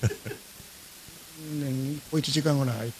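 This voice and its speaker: A man with a fairly high voice and a Kansai accent hosts a podcast, speaking very slowly over slight background noise. He tells a travel story in a casual, animated way, acting out both his own lines and those of the other people in it.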